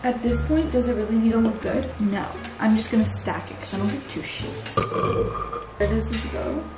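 A woman's voice: on the high side, steady tone, normal speed, very noisy. A woman in her twenties bantering casually in a home kitchen, bossy and teasing, recorded from a few feet away. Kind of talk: casual banter while baking with sisters. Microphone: camera a few feet away. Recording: echoey kitchen with loud music behind.

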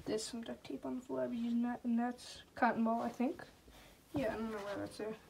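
A young woman chatting casually off camera while filming her ant colony, excitable and sometimes dropping to a whisper. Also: fairly high pitch, a little fast, vocal fry, a little hiss or hum. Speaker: ant-keeping vlogger. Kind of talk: casual off-camera vlog narration.

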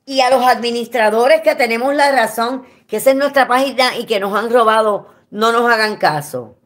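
A Puerto Rican woman chatting casually with her followers at home, expressive and quick to swear. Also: a little high. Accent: Puerto Rican Spanish. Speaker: vlogger. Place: at home, indoors.

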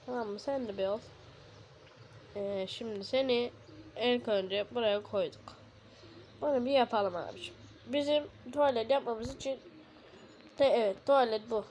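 A woman with a high, bright-sitting voice narrates her survival game in a loose, slangy way. She talks while lying down and jumps quickly from chatty explanation to excited yelling. Faint background noise sits under her voice. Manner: excitable, slangy, shouts in bursts. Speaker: gaming video host. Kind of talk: casual gameplay commentary.

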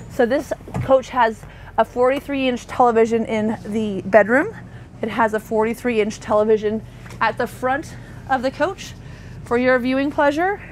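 A woman, an RV sales associate, giving a thorough walkthrough tour inside a parked motorhome, talking chattily with fillers and self-corrections. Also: on the high side. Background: faint hum of air conditioning.

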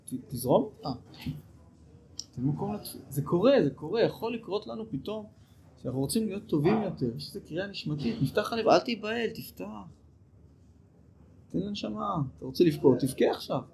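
A male rabbi giving an informal, animated lesson to yeshiva students, urging them on and acting out their inner voices. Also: high-pitched, creaky, a little hiss or hum.

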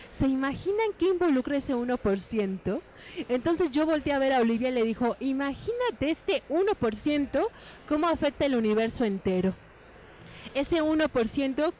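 A woman hosts an educational program in a TV studio, talking in a thoughtful, conversational way. Her voice sits fairly high, and there is a faint hum of noise behind her. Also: a little mellow. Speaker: host. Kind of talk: conversational TV hosting.

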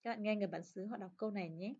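A woman teaching an English lesson, repeating words and sentences slowly and clearly for learners to copy. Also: mid-range voice, a little mellow, muffled recording. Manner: slow, drawn-out pronunciation drills. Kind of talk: language lesson.

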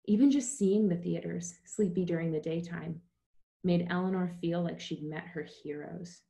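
A woman's voice: lowish voice, fairly even intonation, normal speed, creaky, warm tone. A woman novelist reading from her book, then talking casually about writing with many fillers, over a video call. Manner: plain, with many fillers in talk.

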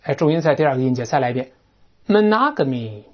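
An English teacher giving a chatty, animated vocabulary lecture, often imitating sounds and checking in with "right?". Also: medium pitch, racing. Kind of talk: classroom-style lecture on vocabulary. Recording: dull lo-fi recording.

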